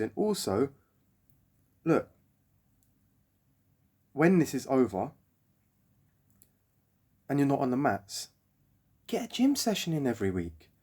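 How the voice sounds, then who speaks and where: Bloke coaching jiu-jitsu, swears a lot, pitch jumps all over. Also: male voice, a little mellow. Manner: profane, ranting, keeps tagging "yeah?". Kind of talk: blunt motivational talk to camera.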